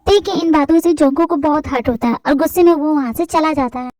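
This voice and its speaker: A woman's voice: high voice, fast, background noise. A young woman narrating a home-made fan fiction drama in a plain storytelling way.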